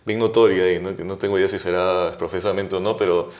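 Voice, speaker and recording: A man speaks as a guest in a casual interview, his voice sitting fairly low. He thinks aloud, restarts phrases and keeps checking in with little tag questions. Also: steady tone, quick pace. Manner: thoughtful, hedging, many restarts and tag questions. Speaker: guest guitarist.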